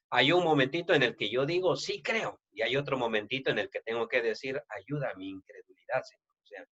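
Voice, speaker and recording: A man's voice: on the high side, a bit bright, lo-fi sound. A man preaching a sermon in a conversational way, with frequent tag questions and restarts, and a Latin American Spanish accent.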